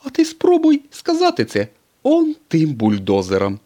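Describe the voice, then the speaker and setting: A man voicing a boastful, folksy male tow truck who tells tall tales in a storybook reading, raising his voice higher and louder than his narration. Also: wildly swooping pitch, moderate pace. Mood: teasing.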